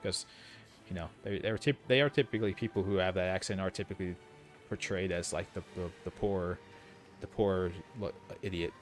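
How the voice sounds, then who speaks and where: A man's voice: low voice, fairly even intonation, brisk, faint music behind. A man streaming a video game, giving casual commentary with rambling, opinionated asides. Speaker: gaming streamer.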